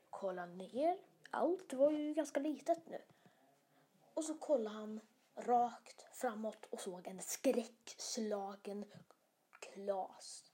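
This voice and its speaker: Breathy woman whispering a bedtime story. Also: medium pitch, mellow. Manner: casual, hesitant, many fillers and restarts.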